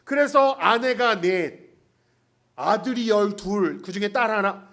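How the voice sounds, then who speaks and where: A man's voice: high voice, takes it slowly, a bit bright. A man pastor preaching a sermon in a church, telling the story with humor, acting out the characters' lines and speaking directly to the congregation. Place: church sanctuary.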